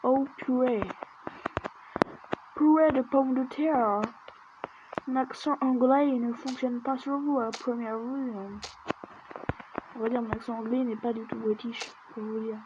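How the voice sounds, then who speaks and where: Slow and frequently pausing, this gaming video creator speaks in a slightly high voice, chatting casually and muttering as she plays, sometimes close to whispering. Her lo-fi microphone sounds dull, with a constant noise behind her.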